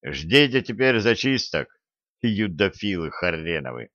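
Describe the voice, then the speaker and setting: A man's voice: sits low, big pitch swings, unhurried, fairly bright tone, no room sound, muffled recording, exaggerated voice. A man voicing a brash, mocking special-forces commander in an audiobook reading. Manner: scornful, provoking.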